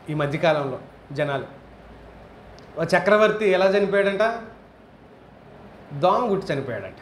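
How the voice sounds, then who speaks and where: A male preacher delivers a sermon in a high voice, firing question after question and climbing into forceful emphatic peaks. He is recorded in an echoey hall with faint background ambience. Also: a little hiss or hum. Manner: rhetorical questions, rising to emphatic high bursts.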